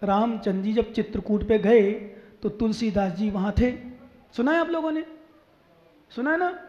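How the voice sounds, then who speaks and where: A man preaching a sermon as a Jain monk, telling stories with emphasis, going from slow and low to loud, drawn-out high lines. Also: muffled recording. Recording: echoey hall with long reverb.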